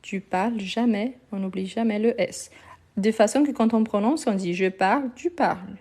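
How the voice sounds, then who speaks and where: A woman's voice: medium pitch, normal speed, a little mellow, slightly rough. A woman teaching French on a live online lesson. She speaks patiently, repeats each word and often praises her learners.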